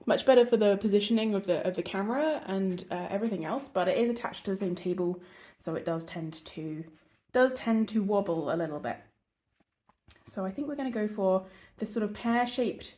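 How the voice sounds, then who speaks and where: A woman talks through a relaxed art tutorial while she sketches, her voice stuffy and congested from a cold. She rambles and pokes fun at herself as she goes, and her pitch sits right in the middle for a woman. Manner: chatty, rambling, self-mocking. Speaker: art channel host. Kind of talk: casual drawing and painting tutorial.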